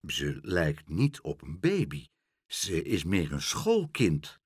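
A man voicing a slow-witted, puzzled father in a storybook reading. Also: rumbling low, wildly swooping pitch, gravelly, slightly rough, no room sound, clean studio sound, voice pushed down, full character voice. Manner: puzzled, quiet.

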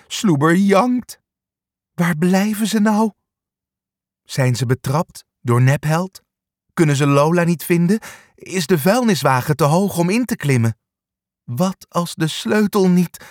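A man reading a children's story aloud with an expressive, animated manner. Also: fairly high pitch, no room sound, studio quality.

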